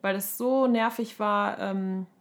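A woman's voice: medium pitch, steady tone, takes it slowly. A woman in her thirties from Germany co-hosts a podcast, chatting colloquially in anecdotes and mixing in English terms. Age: 30s. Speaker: podcast co-host. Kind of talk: casual conversational podcast chat.

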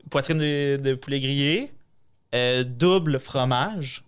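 A man's voice: medium pitch, takes it slowly, smooth. A man with a Quebec French accent chatting casually on a podcast, rambling with many hesitations. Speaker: podcast guest. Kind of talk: casual chat.

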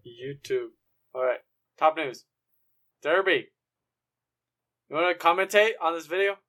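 A man's voice: a little high, expressive, a little slow, bright, forceful tone. A young man co-hosting a casual podcast chat, playful, with exaggerated outbursts. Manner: playful, exaggerated outbursts, calls friend bro. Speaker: podcast co-host.

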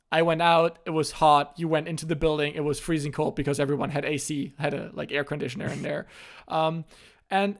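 A young German man hosts a podcast, telling stories casually in a relaxed manner with frequent restarts. His voice is on the high side.

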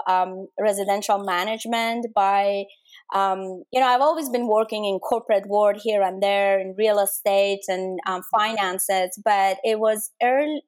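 A middle-aged woman from Denmark, a podcast guest chatting casually and often repeating words as she searches for phrasing. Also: a little high. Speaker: guest, cake business owner.

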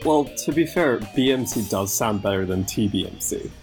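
A man's voice: on the low side, animated, normal speed, darkish tone, soft background music. A man co-hosting a podcast who introduces the guest in a dry, hesitant way. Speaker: podcast co-host. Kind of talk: casual chat.

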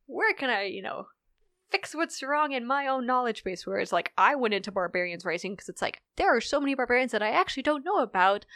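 A woman talking casually as a podcast guest, animated, with frequent laughs and quick asides. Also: medium pitch, gravelly, no room sound, clean studio sound.

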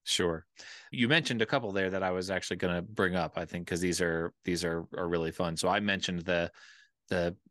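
A man's voice: low-pitched, steady tone, brisk, fairly bright tone, no echo, clean studio sound. An American man hosting a casual interview, rambling a little as he thinks aloud.

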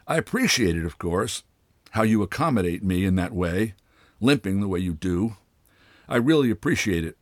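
A man voicing a bitter, pompous old father with a wooden leg, speaking with sardonic, drawn-out mockery in a storybook reading. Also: sits low, expressive, no echo, studio quality. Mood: scornful.

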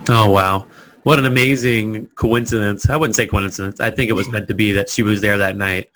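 A man hosting a podcast interview, gently encouraging and affirming his guest. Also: lowish voice, steady tone, brisk, low-quality recording. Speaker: podcast host. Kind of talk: conversational interview.

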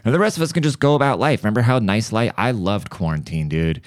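A man's voice: fairly low pitch, fast talker, no room sound, clean studio sound. A young man hosting a podcast, telling crude, irreverent stories in a casual comic monologue. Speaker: podcast host.

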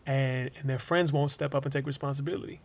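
This actor voices a wrongfully jailed young man who sounds tired but forgiving, speaking in an interview-style dramatic monologue. The medium-pitched, natural voice holds a steady tone while the halting, informal speech repeats words, coming across grateful and earnest.

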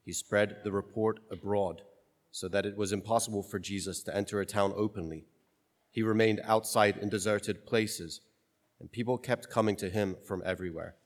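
A man's voice: lowish voice, fairly even intonation, normal speed. A priest reading the gospel and then preaching in a casual, joking way, his voice ringing with a long cathedral-like echo. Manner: casual, joking, thinks aloud with restarts.

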